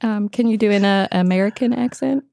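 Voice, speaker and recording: A woman hosting a podcast in a casual chat, with a wry, playful, deadpan humor. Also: mid-range voice, brisk, vocal fry. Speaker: podcast host.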